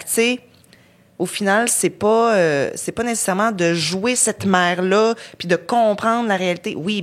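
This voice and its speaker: A young woman with a Lac-Saint-Jean Quebec accent chats casually as a podcast guest. Her voice sits somewhat low, and she hesitates, repeats words and fills pauses as she searches for what to say. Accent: Lac-Saint-Jean Quebec French. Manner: hesitant, many fillers and restarts. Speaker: guest, actress.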